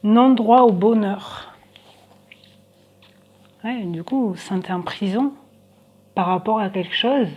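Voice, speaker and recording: Slow, hesitant woman reading cards. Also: mid-range voice, a little mellow, husky. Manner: hesitant, many fillers, thinking aloud. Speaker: tarot card reader. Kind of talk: casual card reading for viewers.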